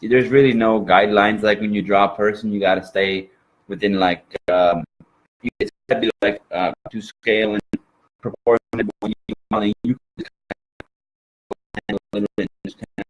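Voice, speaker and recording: A man's voice: on the low side, steady tone, fairly quick, poor audio. A man from Minnesota with an exaggerated Minnesota accent, chatting as an interview guest in a folksy, rambling way. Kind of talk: casual interview chat.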